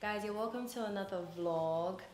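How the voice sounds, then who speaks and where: A Ghanaian woman in her twenties chats casually to camera for her vlog, moving through a living room, kitchen, and bedroom indoors. Her medium-pitched voice is a little mellow and moderately paced, picked up by a camera a few feet away in an echoey room with music playing behind.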